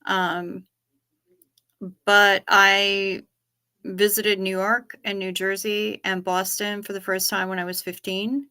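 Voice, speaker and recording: A woman's voice: mid-range voice, little pitch movement, slow pace, sharp tone, smooth. A woman livestreaming casual chat, from northern Minnesota, with a mixed East Coast and Southern accent, chatty and casually profane. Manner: chatty, swears casually, repeats what others say. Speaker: livestream host.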